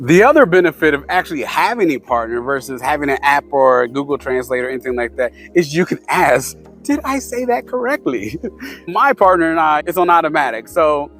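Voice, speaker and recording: A man's voice: on the high side, fairly quick, hardly any pauses, a bit bright, faint music behind. A man casually giving tips to camera, rambling with many fillers and restarts. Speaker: vlogger sharing language-learning tips.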